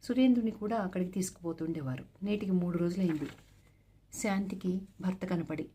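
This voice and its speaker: A woman reading a translated novel aloud as storyteller, in a steady, measured way. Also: on the low side, a little hiss or hum.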